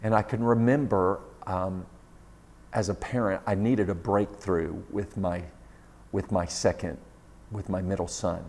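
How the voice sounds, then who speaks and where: Low-voiced man telling a sermon story. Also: steady tone, measured pace. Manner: conversational, warm storytelling with laughs.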